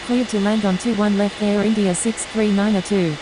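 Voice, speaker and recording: Female actor as airline pilot, radio phraseology, medium pitch, businesslike, clear hiss and engine-like noise. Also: steady tone, normal speed, lightly acted.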